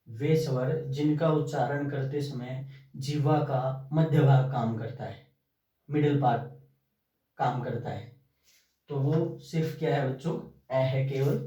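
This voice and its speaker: A man's voice: medium pitch, warm tone, lo-fi sound. Man, teacher, classroom lesson, asks and answers his own questions, heavy room echo, distant mic. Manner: drawn-out, repetitive teaching. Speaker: Hindi teacher. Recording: very echoey room, from far off.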